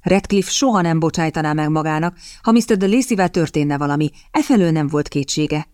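A woman narrating an audiobook in a steady, even-paced reading. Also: deep voice, no echo, studio quality. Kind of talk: scripted narration.

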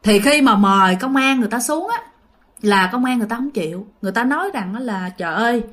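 Brief: chatty woman storyteller, high voice. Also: animated, quick pace, fairly bright tone. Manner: chatty, addresses listeners directly. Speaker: ghost story narrator. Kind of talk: casual spoken storytelling.

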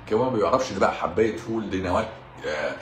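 A man's voice: on the low side, lively intonation, rapid-fire, roomy sound, slight background noise. A man with an Egyptian Arabic accent, a doctor hosting a live stream in a casual monologue, mocking and combative, repeating his points for emphasis.

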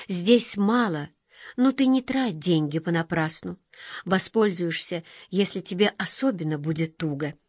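A woman voicing a gentle middle-aged mother who speaks softly and tenderly. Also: on the low side, no echo, clean studio sound. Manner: soft, tender, persuasive.

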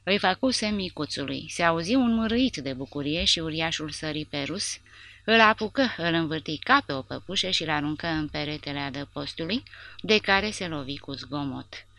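Woman reading a war audiobook, low gravelly voice, bright edge, totally dry sound. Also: lively intonation, dry recording. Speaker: audiobook narrator. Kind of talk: dramatic audiobook narration.

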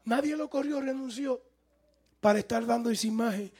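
A man preaching a sermon as a pastor, with emphatic, animated delivery and acted-out quotes to his congregation. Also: extremely high pitch, fairly quick, breathy edge. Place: church sanctuary.

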